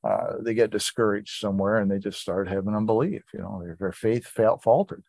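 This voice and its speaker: A man's voice: on the low side, brisk, creaky, a little mellow, no room sound. Casting note: man teaching scripture informally, plain everyday delivery, dry close sound. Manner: conversational, reads scripture aloud with asides. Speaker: Bible study leader.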